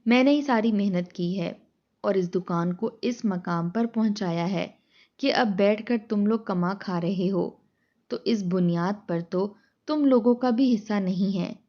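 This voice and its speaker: A woman's voice: medium pitch, highs cut off, natural voice. A woman voicing a stern protective old father. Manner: stern, lecturing. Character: aging, unwell father, firm and protective.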